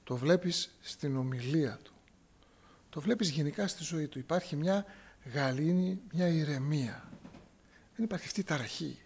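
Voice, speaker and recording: Gravelly-voiced Greek Orthodox priest preaching. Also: male voice, a little high, darkish tone, a little hiss or hum. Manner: explains scripture word by word, repeating key phrases. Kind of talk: sermon. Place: church.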